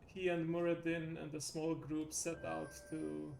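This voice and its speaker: A man giving casual, halting gameplay commentary as he recaps a game's story. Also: fairly high pitch, monotone, gravelly, darkish tone, slight background noise. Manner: halting, unhurried. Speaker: game streamer giving a lore recap.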